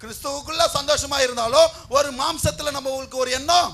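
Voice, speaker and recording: A male pastor preaching to his congregation, who calls out to them and often rises to shouts. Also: very high-pitched, fast talker, vocal fry. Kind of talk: sermon. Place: church hall.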